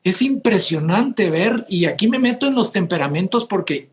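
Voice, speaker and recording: A man's voice: sits high, expressive, moderate pace. Enthusiastic man hosting a podcast. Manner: enthusiastic, praising. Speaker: podcast host. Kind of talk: casual interview talk.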